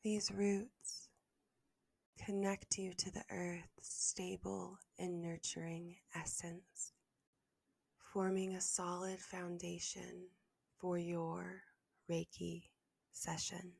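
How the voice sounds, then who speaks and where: A meditation guide and podcast host speaks very slowly and soothingly in a soft, breathy, slightly low voice that often drifts near a whisper. Her words carry a creaky edge and a level tone, with long pauses and no echo.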